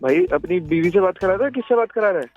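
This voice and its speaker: A man's voice: high voice, expressive, fast talker, highs cut off, faint music behind. A man hosting a radio prank call, speaking politely and reasoning patiently with the caller. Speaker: radio host.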